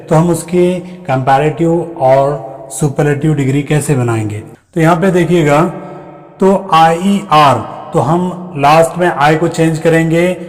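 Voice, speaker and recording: A man's voice: a little high, a little mellow, in a large hall, rough recording. A man teaching a grammar lesson, patiently asking and answering his own questions and spelling out word forms one by one.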